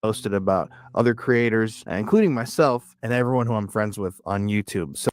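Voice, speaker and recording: A man's voice: lowish voice, moderate pace, no room sound, clean studio sound. A man, a video creator, speaking earnestly to explain his view. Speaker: YouTube creator.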